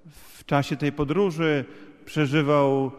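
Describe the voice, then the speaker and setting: A man's voice: a little high, level tone, slow pace, clean tone. Male church interpreter, wordy and echoing. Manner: wordy, restates points with fillers and restarts. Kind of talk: consecutive sermon interpreting. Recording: long hall reverb.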